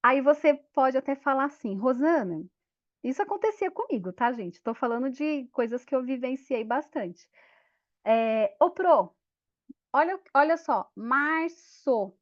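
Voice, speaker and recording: A woman giving a lively teacher training talk, acting out classroom scenes in voices. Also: high voice, unhurried. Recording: dull lo-fi sound.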